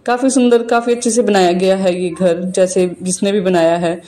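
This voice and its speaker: A woman's voice: medium pitch, steady tone, normal speed, warm tone. Chatty woman giving a home tour. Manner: chatty, pointing things out. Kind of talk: casual home tour narration.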